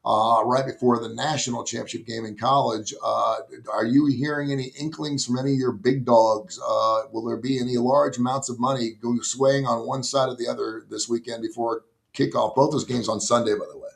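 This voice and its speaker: A man's voice: medium pitch, fairly even intonation, fairly quick, creaky, hardly any pauses. A man in his fifties hosting a sports talk show, loose and jokey, with frequent restarts and chuckles. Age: 50s. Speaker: sports radio host.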